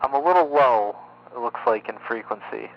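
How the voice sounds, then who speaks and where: A man's voice: mid-range voice, moderate pace, creaky. A man chatting casually on the air as a CB radio operator, swearing in passing, his voice coming through slightly mistuned and off frequency. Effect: slightly mistuned radio sound, off frequency. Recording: dull lo-fi radio with faint hum.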